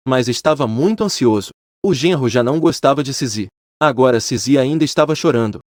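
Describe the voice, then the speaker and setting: A man narrating a romance story in the first person, at a mid pitch with a lively, animated rise and fall. His reading is steady and scripted, and the sound is very dry and close with no room echo.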